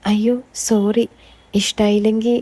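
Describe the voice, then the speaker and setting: A woman reading a young man's lines in a story, joking and gently flattering. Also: medium pitch, measured pace, lightly acted. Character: joking charming young man.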